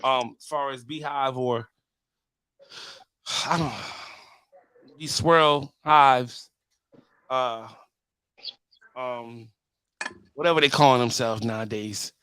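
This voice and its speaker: A man in casual group banter, talking in an animated, profane way and repeating phrases for emphasis as he hosts. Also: medium pitch, slow, long pauses, clean tone, no room sound, low-quality recording. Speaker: host judging a hair wave competition.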